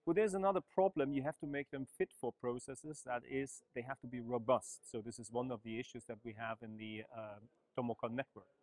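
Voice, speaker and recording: Middle-aged man, interview explainer, steady mid pitch, dry lapel sound. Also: no echo. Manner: measured, explanatory, frequent uh fillers. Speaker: project coordinator. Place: large bright indoor hall.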